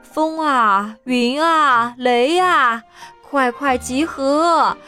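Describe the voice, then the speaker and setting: A woman voicing a small kappa spirit who chants a rain spell in a dreamy, distant, floating voice, slow and drawn out, as in a children's storybook. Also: high voice, sharp tone, faint music behind, full character voice. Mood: ethereal chanting.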